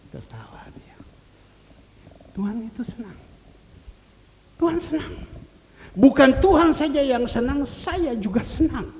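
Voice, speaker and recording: An older man preaching a sermon as pastor in a church hall, swinging from loud pleading cries to low murmured asides. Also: expressive, a little slow, long pauses. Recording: reverberant church hall, faint noise.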